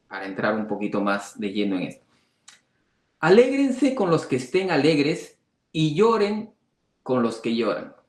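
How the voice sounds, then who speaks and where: Man teaching a Bible study, echoey room. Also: mid-range voice. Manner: conversational, acts out quoted voices, rhetorical questions.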